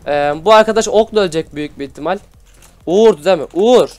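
A young man from Adana giving excitable, slangy live commentary over a video game for his channel's viewers. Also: sits high, fast. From Adana, Turkey. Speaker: gaming YouTuber.

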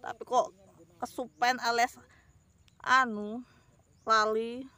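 A woman in her thirties chats in a loose, rambling vlog beside rice fields, phone at arm's length, addressing viewers as guys in a Javanese ngapak accent. She speaks slowly in a highish, level voice that sounds pushed, bright and clean.

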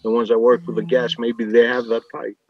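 Middle-aged male, New York accent, casual and halting, dry but dull video-call sound. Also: medium pitch, flat delivery, slightly rough, dry recording. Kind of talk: casual chat.

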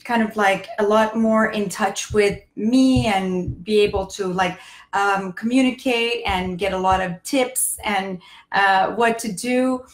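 A woman's voice: mid-range voice, slow pace, roomy sound, low-quality recording. A woman with laryngitis hosting a live dating-advice stream, chatty and full of fillers and restarts. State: hoarse from laryngitis. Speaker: dating coach and show host. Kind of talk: live-stream talk to viewers.

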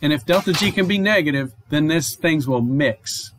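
A male chemistry professor giving a recorded online lecture, explaining at a steady pace with fillers, restarts and "okay?" checks. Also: fairly high pitch, moderate pace. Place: home or office, online lecture.

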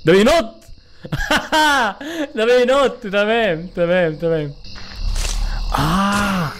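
A man with an Egyptian Arabic accent giving excitable, joking let's play commentary, talking back to the game. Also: high-pitched, measured pace, a little hiss or hum. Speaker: gaming YouTuber.

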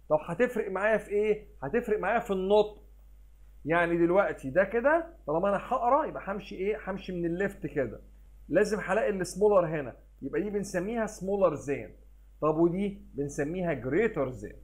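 A man with a somewhat high voice and an Egyptian Arabic accent, teaching a recorded math lesson for children. He keeps asking questions and answering them himself, and he drops English math terms into his Arabic. He reads long numbers out slowly and deliberately.

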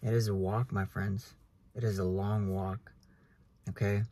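A man's voice: fairly low pitch, flat delivery, unhurried, dark tone. A young man talking earnestly about faith to his phone camera from inside a car, preachy and repeating "guys". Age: young adult. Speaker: realtor vlogger. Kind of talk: casual faith talk to camera. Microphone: phone at arm's length.

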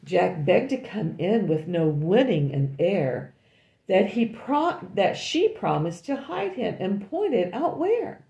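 Older woman, storybook reader for a grandchild, gravelly, chatty asides, roomy echo. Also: medium pitch, very animated, mellow, highs cut off. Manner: pauses often to comment and ask the child questions. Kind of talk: reading a picture book aloud. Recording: echoey room.

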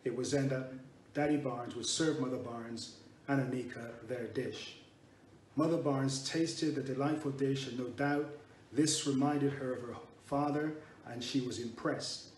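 A man reads a memorial tribute at an even, measured pace, catching himself and restarting a phrase now and then. He sits back from the mic, so the room echo comes through. A faint hiss of noise runs underneath. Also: medium pitch. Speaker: eulogy reader. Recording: roomy and distant with faint noise.

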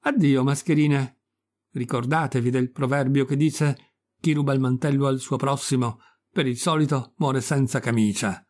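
A man's voice: medium pitch, steady tone, normal speed, a little mellow, lightly acted. A man reading the part of a young wooden puppet boy in an audiobook, with an earnest, pleading tone. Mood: scornful.

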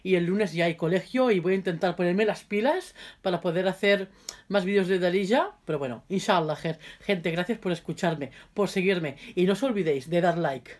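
A woman giving a casual video lesson, repeating phrases carefully for viewers and chatting in quick asides while she handles her cards. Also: fairly low pitch, darkish tone. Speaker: language teacher.

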